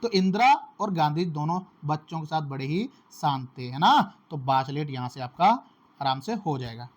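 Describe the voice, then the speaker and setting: A man's voice: a little high, expressive, moderate pace. A man teaching exam material in a casual classroom style, repeating phrases, building memory tricks and calling his listeners his brothers.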